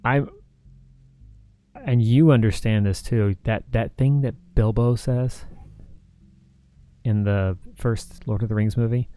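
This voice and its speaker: A mentally exhausted man co-hosting a livestream chat, talking in halting starts and restarts. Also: mid-range voice, fairly even intonation, warm tone. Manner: halting, restarts often, tired. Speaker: streamer and co-host.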